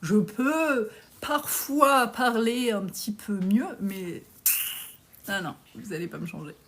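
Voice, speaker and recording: A woman's voice: mid-range voice, takes it slowly, a bit bright, a little hiss or hum. A woman, coaching on personal finance as she answers viewer comments on a live stream in a blunt, outspoken, casual way. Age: 40s.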